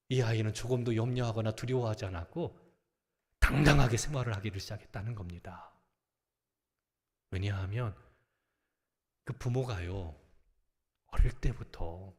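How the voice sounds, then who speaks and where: Korean pastor preaching in a reverberant sanctuary. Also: male voice, lowish voice. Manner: emphatic preaching, shifting between loud exhortation and hushed near-whispers. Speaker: senior pastor. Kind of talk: sermon. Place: large church sanctuary. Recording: long reverb of a church sanctuary.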